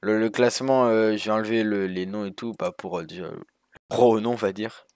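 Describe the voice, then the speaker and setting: A man's voice: lowish voice, steady tone, moderate pace, a little mellow, dry recording, studio quality. A man casually narrating a walkthrough of a sailing game over his screen, rambling with many fillers and restarts. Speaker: gaming youtuber.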